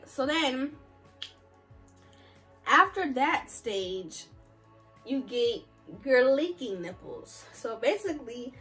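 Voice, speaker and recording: A woman's voice: fairly high pitch, poor audio. A young woman in her early twenties, talking candidly and with giggles to the camera at home in a casual vlog. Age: early 20s. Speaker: vlogger.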